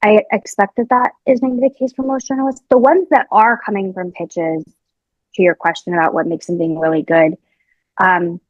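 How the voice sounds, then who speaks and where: A young adult woman who works as a reporter chats through a podcast interview as a guest, her answers casual and peppered with fillers and restarts. She speaks on the low side. The sound is lo-fi with no echo.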